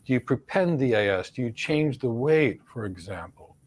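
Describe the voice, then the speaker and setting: A middle-aged American host with a Philadelphia accent answers career questions in a live Q&A, his medium-pitched voice moving at a normal speed with lively intonation. As a mentor, he leans on repeated words for emphasis.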